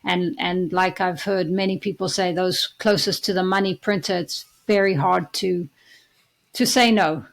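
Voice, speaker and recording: A woman's voice: lowish voice, measured pace, creaky. A woman from Zimbabwe hosting a podcast, conversational and agreeable as she comments and asks questions. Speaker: podcast host.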